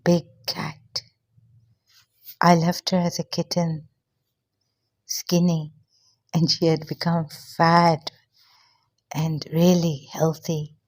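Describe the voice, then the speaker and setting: An older woman from Pakistan telling a personal story in a halting way, with many fillers and pauses, a little out of breath. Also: deep voice. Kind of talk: personal testimony monologue.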